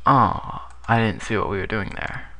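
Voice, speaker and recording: A young man giving goofy, playful gameplay commentary with sudden loud yelps. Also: fairly low pitch, huge pitch swings, normal speed, vocal fry, slight background noise. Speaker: gamer.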